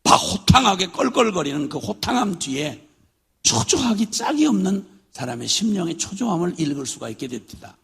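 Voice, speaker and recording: A man's voice: sits high, very animated, moderate pace, creaky, husky. An older man preaching a sermon as a missionary, telling stories with humor and acting out voices. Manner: storytelling with humor, acting out his father's drunken shouts.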